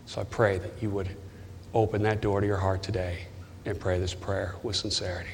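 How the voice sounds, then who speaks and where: A man's voice: low-pitched, flat delivery, a little fast, background noise. A man giving an earnest altar call as a guest speaker, leading a prayer line by line in a church hall. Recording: reverberant hall.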